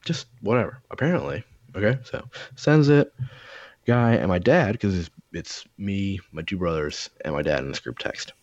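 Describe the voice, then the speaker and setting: A man with a very low voice tells stories in loose, rambling casual chat, full of fillers and swearing. The sound is dry and a little dull and lo-fi, with no room around it. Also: expressive, normal speed, no echo. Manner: rambling storyteller, profane, lots of fillers.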